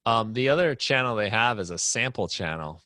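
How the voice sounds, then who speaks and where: A man's voice: on the low side, lively intonation, moderate pace, pushed and bright, dry recording. A man hosting a live online music production class, explaining casually with many fillers and restarts.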